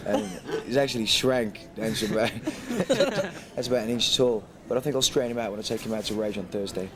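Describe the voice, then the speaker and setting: A man's voice: fairly low pitch, lively intonation, brisk, a crowd in the background. A man from England, chatting in a casual interview, rambling, swearing and laughing often. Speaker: guest DJ. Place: airport. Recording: noisy location recording.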